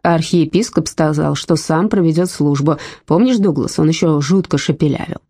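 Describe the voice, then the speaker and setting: A woman voicing a blunt, sharp-tongued woman of eighty-six in a read-aloud story, with a husky, dark voice. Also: low voice, normal speed, no room sound, clean studio sound. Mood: cutting. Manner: blunt, cutting. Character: rude sharp-tongued 86-year-old woman.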